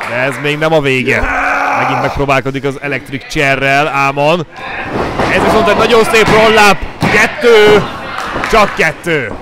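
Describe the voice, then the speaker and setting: A man calling a live wrestling match, excitedly describing the moves as they happen. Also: on the high side. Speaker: play-by-play commentator. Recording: commentary over loud crowd and ring noise. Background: loud crowd and ring slams.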